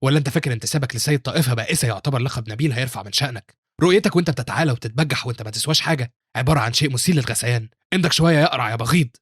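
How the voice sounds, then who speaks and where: A scheming young disciple, sharp-tongued and defiant, reeled off at a breakneck clip, as a male narrator reads him out. The voice is husky and breathy, and it sounds dry and close. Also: mid-range voice, racing, hardly any pauses, no room sound, lightly acted. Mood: mocking.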